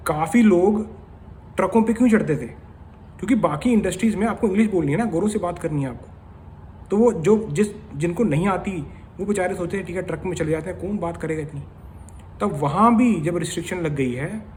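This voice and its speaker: High-pitched chatty man giving advice. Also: a little mellow, slight background noise. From India. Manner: chatty, opinionated, lecturing tone. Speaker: vlogger. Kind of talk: casual commentary vlog.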